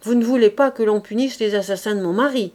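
A woman's voice: medium pitch, quick pace, lightly acted. A woman reading the lines of a haughty princess who speaks sharply. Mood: irritated. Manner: sharp, irritated.

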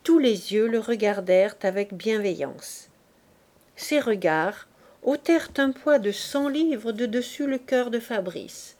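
A woman narrating a classic novel as an audiobook in a measured, even storytelling manner. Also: on the high side.

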